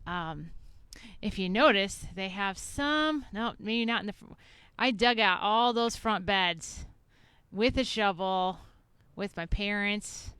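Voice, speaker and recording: A woman's voice: medium pitch, takes it slowly, a bit bright, smooth, dry recording. A woman chatting in a rambling, playful way while she walks outside past a house, filming herself on a handheld camera. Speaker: author vlogger. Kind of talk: casual walking vlog. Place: outdoors by a house in spring. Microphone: handheld camera or phone.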